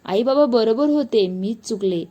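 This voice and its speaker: A woman's voice: on the high side, expressive, moderate pace, mellow. A woman narrator voicing a frightened young wife who pleads through tears, in a storybook telling. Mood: pleading tearful. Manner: pleading, tearful.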